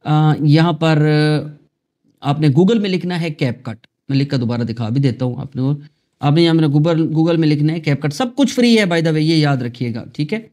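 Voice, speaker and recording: A man from Pakistan hosting a screen-recorded software tutorial, talking chattily to his viewers. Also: a little high, expressive. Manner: chatty, addresses viewers as "janab" and "dosto". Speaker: tutorial host.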